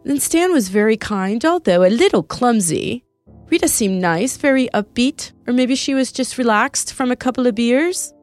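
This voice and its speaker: A warm, calm woman talks in gentle, reassuring tones, her voice lifted above the narrator's usual pitch, as a woman reads her lines in a story. Soft light music sits faintly in the background. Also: moderate pace, dry recording, lightly acted. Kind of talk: storybook character reading.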